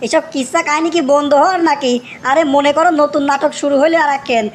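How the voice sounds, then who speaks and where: A performer voices an exasperated young nephew from a village in a comic cartoon, whining and repeating complaints in rustic dialect. The voice is high-pitched, steady and fast, close to everyday speech, with a little hiss or hum.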